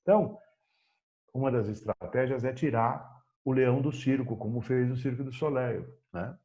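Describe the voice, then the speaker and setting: A man explains a business idea in a video meeting, his pace speeding up and slowing down. His voice is dark and mellow, heard over dull, lo-fi call audio. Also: medium pitch.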